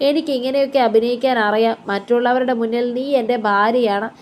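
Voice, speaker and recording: A curt, bitter young husband from a spoken love story, read by a woman in her own fairly high voice. He talks harshly and coldly and keeps his words short. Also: fairly even intonation, fairly quick, darkish tone, a little hiss or hum, natural voice.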